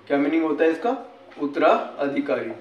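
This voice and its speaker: A man's voice: fairly high pitch, big pitch swings, a little fast, dull audio, a little hiss or hum. A man with an Indian accent explaining English words like a teacher, often asking a question and answering it himself. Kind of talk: casual classroom-style explanation. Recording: echoey room.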